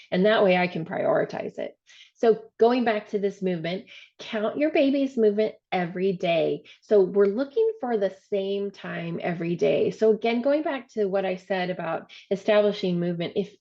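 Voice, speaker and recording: A woman director giving a webinar training, explaining step by step with frequent "um" and "so", her voice showing some vocal fry. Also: lowish voice, a little mellow, dull audio. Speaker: program director presenting a training. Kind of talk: webinar presentation.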